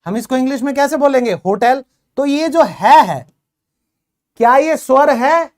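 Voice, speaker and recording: A woman teaching English in a video lesson, quizzing her learners and urging quick answers, repeating each word slowly for drill. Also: sits high, animated. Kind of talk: classroom-style video lesson.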